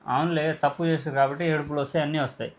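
Man, a touch high-pitched, playing a harsh husband in a home prank who later soothes. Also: fairly even intonation, very fast. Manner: scolding harshly, then coaxing and soothing. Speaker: husband pulling a prank on his wife. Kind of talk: staged couple prank, casual talk.

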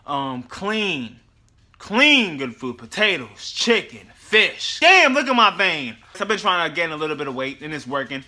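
A young man talking casually in a fitness vlog, profane and joking, with sudden loud yelled bursts. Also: a little high, animated, a little slow. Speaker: fitness vlogger.

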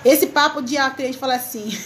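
A woman's voice: sits high, moderate pace, a bit bright, slight background noise. A chatty woman hosting a crafts live stream, greeting viewers by name and laughing often. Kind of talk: casual live chat.

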